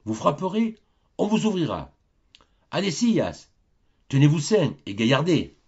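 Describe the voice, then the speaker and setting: Un homme qui prête sa voix à un vieux saint bienveillant, gardien du paradis, au ton familier et serviable, dans un livre audio. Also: male voice, fairly high pitch, very animated, a little slow, slightly rough, dull audio, pitched above the performer's own voice, full character voice. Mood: reassuring. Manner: warm, familiar and obliging. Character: kindly old male saint, heaven's gatekeeper.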